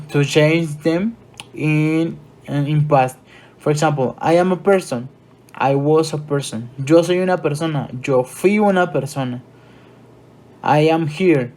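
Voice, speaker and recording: A man with a Colombian Spanish accent teaching an English grammar lesson, switching between Spanish explanations and slow English examples. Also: fairly high pitch, a little mellow.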